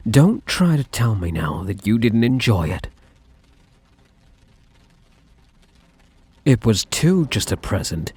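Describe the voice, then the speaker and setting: A man playing a possessive, lovesick ex-boyfriend in an ASMR role-play, speaking intensely and defensively to the listener with dramatic pauses. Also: on the low side, a little mellow, breathy edge, dry recording. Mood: defensive, demanding. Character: possessive, obsessive ex-boyfriend, self-justifying and lovesick.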